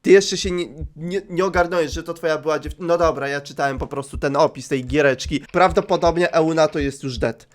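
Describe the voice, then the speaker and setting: A man's voice: a little high, fairly quick, hardly any pauses. A young man giving a joking, sarcastic let's play commentary on a game and swearing casually. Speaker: gaming youtuber.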